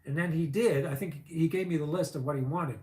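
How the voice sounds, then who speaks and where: A man's voice: fairly high pitch, fairly quick, warm tone, echoey room. A man in his fifties, a vlogger, telling a long personal story in a chatty, rambling way full of fillers and asides. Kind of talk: casual storytelling.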